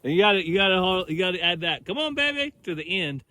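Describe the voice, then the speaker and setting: This farm vlogger's high-pitched voice comes out fast, pushed, and bright, though his tone stays steady. He chats and teases casually outdoors in a folksy drawl as farm animals make noise nearby.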